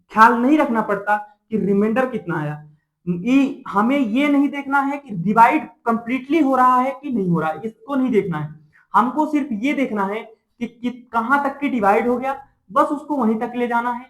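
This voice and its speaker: A man's voice: very high voice, a bit bright, low-quality recording. Patient male teacher repeating every step. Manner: asks and answers his own questions, checks in often; repeats each step slowly. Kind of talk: classroom math lesson. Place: classroom.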